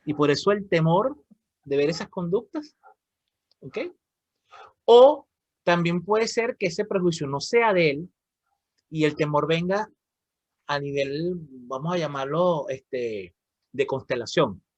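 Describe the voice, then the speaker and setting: A man with a Venezuelan accent leading an online reading club and explaining ideas in a lively way, often asking "¿ok?". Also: a little high, takes it slowly, pauses often, no echo. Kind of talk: moderating an online reading discussion. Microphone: video call. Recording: dry, slightly dull call audio.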